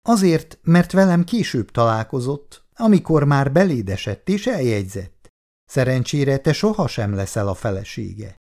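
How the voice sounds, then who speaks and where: A woman's voice: extremely low pitch, big pitch swings, mellow, pitched above the performer's own voice, exaggerated voice. A man reading aloud and voicing a bold young woman who insists and mocks her rival. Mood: brazen insistent. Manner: insistent, mocking, brazen.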